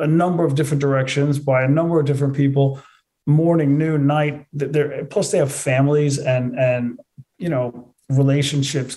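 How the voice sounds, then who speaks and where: A man with a dark, relaxed voice at a middle pitch answers interview questions as a trainer. He talks matter-of-factly and repeats key points for emphasis. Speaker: fitness trainer, interview guest. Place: remote video call.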